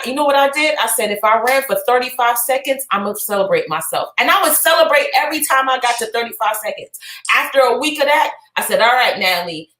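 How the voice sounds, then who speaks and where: Woman, motivational coach, high voice, energetic, shouts and cheers, roomy echo. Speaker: podcast co-host and business coach. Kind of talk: motivational talk.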